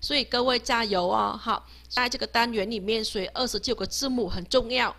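Bright-voiced woman teaching a language lesson. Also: on the high side, steady tone, creaky. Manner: patient, repeats each sound slowly three times; ends phrases with a soft "ha" tag.

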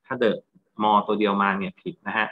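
A man's voice: fairly low pitch, little pitch movement, normal speed. Thai man explaining grammar, slightly lo-fi. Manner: explanatory, asks rhetorical check questions. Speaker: English grammar teacher. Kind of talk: classroom lecture, explaining exam answers.

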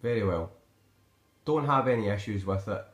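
An amateur gadget reviewer with a Scottish accent gives an unscripted, casual review, hesitant and rambling, filmed on a handheld phone camera in his living room at home. His fairly low voice moves at a normal speed, and the sound is roomy.

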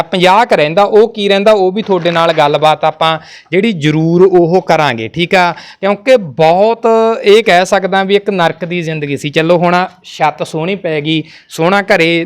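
A male reporter speaks earnestly to camera from a family's home. His voice sits high, and he consoles the people around him. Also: clean tone. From Punjab. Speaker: reporter host. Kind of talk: on-location report.

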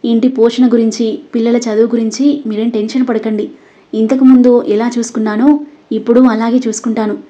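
Woman reader doing a devoted young husband, gentle, reassuring, mellow tone. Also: on the high side, flat delivery, brisk, lo-fi sound, close to an everyday voice.

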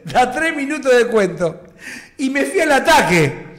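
Animated Argentine man telling a story. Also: very high voice, a little slow. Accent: Argentine Spanish. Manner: animated, laughing often. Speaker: guest, former footballer. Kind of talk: storytelling anecdote in conversation. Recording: roomy echo.

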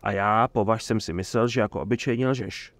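A man's voice: lowish voice, fairly bright tone, no room sound. A man voicing a stern male innkeeper who speaks coldly and sarcastically. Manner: cold, sarcastic. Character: stern middle-aged male innkeeper, cold.

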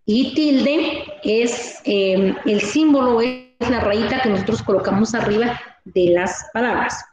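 A woman teaches over a video call, taking her time and checking in with her pupils. Her voice sits a little high. The sound is very roomy, with faint noise behind it. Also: darkish tone. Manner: slow, explaining, asks pupils questions. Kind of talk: online class teaching. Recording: very echoey room with faint noise.

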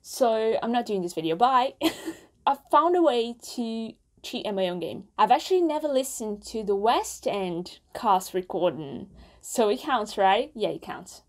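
A young woman doing casual reaction commentary for her channel, playful and self-mocking, with quick asides. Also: a little high, lively intonation. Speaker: musical reaction vlogger.

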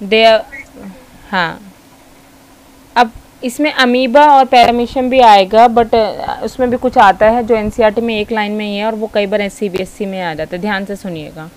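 A woman with an Indian accent teaching a school science class, mixing Hindi and English, dictating notes slowly and reminding students to listen carefully. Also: fairly high pitch, clean tone, low-quality recording. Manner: slow, dictating notes word by word, switching between Hindi and English.

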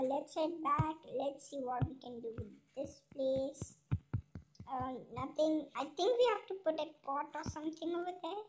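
A gaming channel host talking through a puzzle game in a chipmunk voice effect, chatty and often asking "okay?". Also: noisy background. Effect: chipmunk voice, sped-up high-pitched filter. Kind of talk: casual let's-play commentary.

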